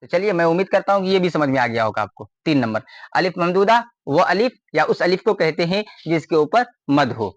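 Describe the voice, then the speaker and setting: A man's voice: fairly high pitch, expressive, fairly quick, dry recording, lo-fi sound. A man teaching a grammar lesson, often repeating a question to his students and then answering it.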